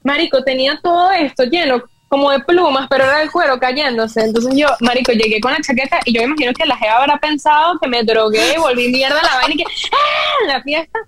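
A young woman with a Venezuelan accent, telling stories in animated casual chat with lots of slang. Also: sits high, brisk, a little hiss or hum. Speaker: podcast co-host.

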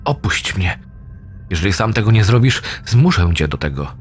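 A man's voice: lowish voice, big pitch swings, moderate pace, soft background music. A man voicing a desperate, defiant female hacker in a horror story reading. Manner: defiant, shouting.

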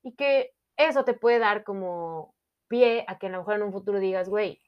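Give me a young Mexican woman co-hosting a podcast, talking things through in a relaxed way and rounding off each point with slang and fillers. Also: mid-range voice, normal speed, lo-fi sound. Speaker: podcast co-host. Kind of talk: casual chat.

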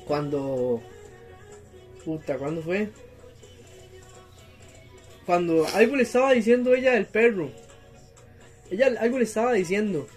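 High-voiced Costa Rican young man, expressive. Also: measured pace, long pauses, soft background music. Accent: Costa Rican Spanish. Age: young adult. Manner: expressive, swears often, laughs easily. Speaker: podcast co-host. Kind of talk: casual chat.

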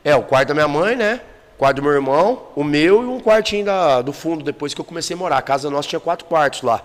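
A man's voice: on the high side, lively intonation, quick pace, long reverb tail. A man with a Brazilian Portuguese accent in a casual podcast chat, telling a personal story bluntly and emotionally with plenty of swearing. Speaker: guest telling his life story.

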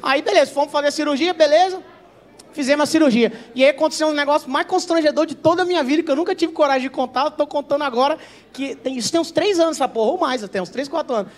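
A man's voice: very high voice, racing. A man telling a crude, self-mocking stand-up story and acting out the dialogue himself. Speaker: stand-up comedian.

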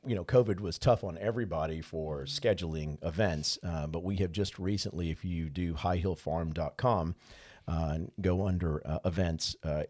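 A man's voice: deep voice, a little mellow. A man, a guest on a podcast, speaking eagerly with many fillers. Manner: enthusiastic, halting with fillers. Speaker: guest, farm owner. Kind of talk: casual interview.

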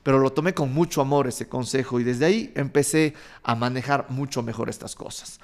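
A man, telling life stories in a frank, animated way and swearing casually. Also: medium pitch, brisk. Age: 30s. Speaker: vlogger sharing life lessons. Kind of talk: casual storytelling monologue.

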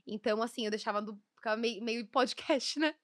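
A woman's voice: fairly high pitch, brisk, no echo, clean studio sound. A young Brazilian woman, a podcast guest, chatting casually and chattily, often restarting her sentences. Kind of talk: casual chat.

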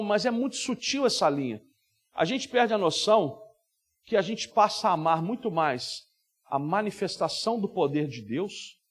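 An animated male guest preacher delivering a sermon. He speaks in a notably high register and keeps acting out little scenes. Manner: animated, with many acted-out voices. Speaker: guest preacher and worship minister.

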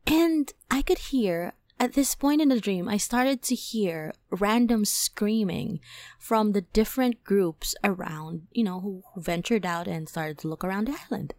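Excitable woman telling a dream story. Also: normal speed, no room sound. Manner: animated, many fillers like "like" and "right?"; voice rises high when excited. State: toothache, on medication. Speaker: podcast host. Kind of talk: casual storytelling.

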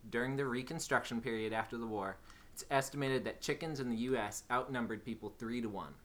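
A man with a middle-pitched voice reads out trivia on a casual podcast. He takes it steadily and deliberately, one fact at a time. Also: a bit bright. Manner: measured, reads facts aloud deliberately. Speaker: podcast co-host. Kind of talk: casual chat, reading trivia facts.

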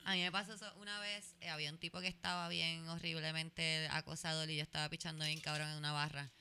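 Animated Puerto Rican woman, bright voice. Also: deep voice, fast, a little hiss or hum. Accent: Puerto Rican Spanish. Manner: animated storytelling, frequent slang and English mixing. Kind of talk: casual chat.

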